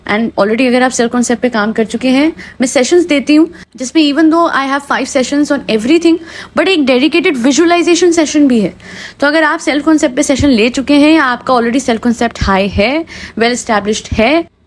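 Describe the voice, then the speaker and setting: A woman with a Punjabi-tinged Hindi accent hosting a podcast, sarcastic and often laughing, mixing in English. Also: high-pitched. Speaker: podcast host. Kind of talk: mocking commentary podcast.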